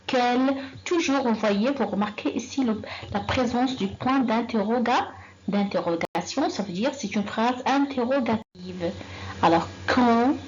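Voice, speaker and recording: A woman teaching a grammar lesson to young children, slow and patient, repeating sentences and quizzing the class. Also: a little high, muffled recording, slight background noise. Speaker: primary school teacher.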